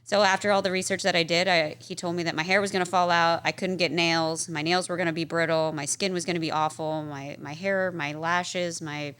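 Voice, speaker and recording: Casting: woman guest, lowish voice with a bright, pushing edge, chatty storyteller who acts out the people she quotes. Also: fairly even intonation, fairly quick, hardly any pauses, smooth. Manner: chatty, peppered with "like" and "um". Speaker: podcast guest. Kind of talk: casual storytelling interview. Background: interviewer's short backchannels.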